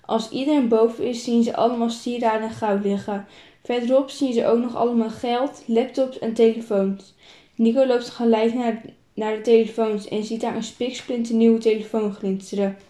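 Woman reading her own story, highish and mellow, a few stumbles and restarts, echoey room. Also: steady tone, moderate pace. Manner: plain reading with small repeats and restarts. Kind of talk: reading a self-written story aloud.

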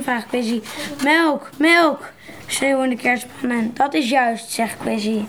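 A young girl hosting a book podcast and reading a story aloud slowly and carefully. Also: on the high side, slight background noise. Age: child. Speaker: podcast host.

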